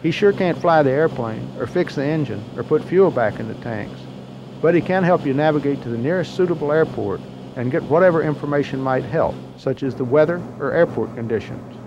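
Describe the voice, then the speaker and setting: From a muffled and noisy old training tape comes a man's scripted narration instructing pilots, plain-spoken and explanatory. His voice is a little high, animated and brisk.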